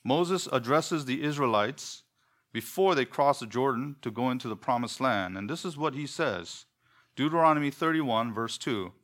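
A man whose first language is Korean, preaching an expository sermon in church with a measured, deliberate delivery and rhetorical questions. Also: medium pitch, expressive, fairly bright tone. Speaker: pastor. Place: church sanctuary.

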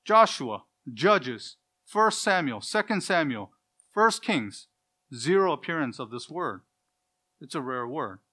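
A man preaching an expository Bible lesson, stressing key words loudly and dropping to quiet asides, with Hebrew pronunciations of names. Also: fairly high pitch, sing-song, slow. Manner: emphatic, swings from loud stresses to quiet asides.

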